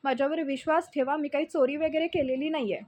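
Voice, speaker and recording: Humble, meek old servant pleading his innocence, read by a high-voiced woman. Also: fairly even intonation, fast, darkish tone, close to an everyday voice.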